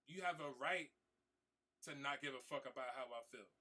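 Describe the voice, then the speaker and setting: Male game streamer, bright tone; heartfelt, repetitive, slangy address to viewers. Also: mid-range voice, normal speed. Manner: emotional, repetitive, trying not to cry; casual slang, swearing.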